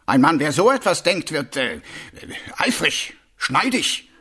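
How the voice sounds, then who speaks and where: A man's voice: a little high, very animated, measured pace, sharp tone, slightly rough, voice pushed up, exaggerated voice. A man voicing a middle-aged male watch sergeant who rambles and hesitates, full of ums and restarts, in a storybook reading. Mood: musing.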